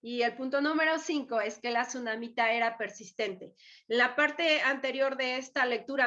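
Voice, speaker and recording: A woman teaching a Bible lesson in a relaxed, conversational way, acting out the characters' words. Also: high voice, lo-fi sound. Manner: retells scripture in conversational voices, many fillers. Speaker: women's ministry preacher.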